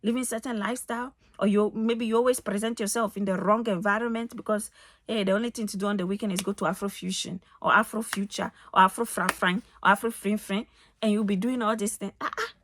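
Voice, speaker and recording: A woman's voice: mid-range voice, steady tone, fast talker, fairly bright tone, no room sound. A woman speaks straight to the camera in her own home, preaching advice with heavy emphasis and repeated phrases. Her voice sits in a middle register. The recording is close and dry, with almost no room sound. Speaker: vlogger giving life advice. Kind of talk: casual advice monologue. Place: home, getting ready for the day.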